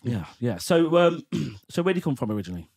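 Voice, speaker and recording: A man's voice: mid-range voice, very animated, fast, vocal fry, darkish tone, slightly rough. A man hosting a podcast, chatty and friendly with lots of fillers as he leads the talk. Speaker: podcast host. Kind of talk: casual chat.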